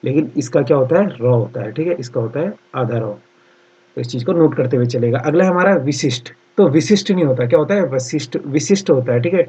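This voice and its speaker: Husky-voiced man teaching a class. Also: mid-range voice, lively intonation, warm tone. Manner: repeats answers slowly, frequent "theek hai" fillers. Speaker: exam-prep Hindi teacher. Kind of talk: online class lecture.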